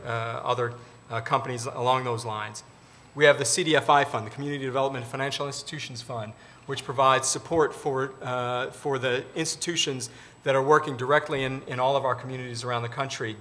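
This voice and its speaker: A man, a government official on a panel, giving measured, formal answers about policy. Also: mid-range voice, sharp tone, slight background noise.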